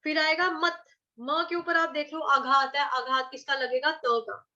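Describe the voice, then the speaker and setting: A woman teaching Sanskrit verse pronunciation, sounding out syllables slowly and asking and answering her own questions. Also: high-pitched, level tone, pushed and bright. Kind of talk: pronunciation lesson, slow syllable-by-syllable chanting. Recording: dull lo-fi recording.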